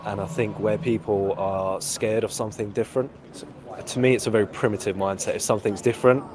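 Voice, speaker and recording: Twenties man from the UK, low voice, street interview, traffic noise around him. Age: 20s. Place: outdoors on a city street.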